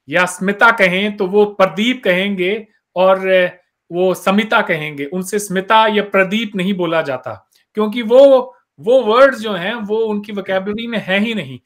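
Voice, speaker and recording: Slow, bright-voiced male host. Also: sits high. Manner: unhurried, reads word lists aloud. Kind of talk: casual chat.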